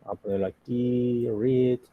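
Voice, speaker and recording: A man's voice: medium pitch, fairly even intonation, moderate pace, no echo, phone-quality sound. A man teaching an English grammar lesson in Spanish, patiently asking the class questions and checking in with "ok?".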